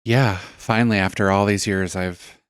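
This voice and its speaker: Very deep-voiced laid-back man. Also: fairly even intonation, normal speed, clean tone, no echo, clean studio sound. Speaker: podcast co-host. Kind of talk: casual chat.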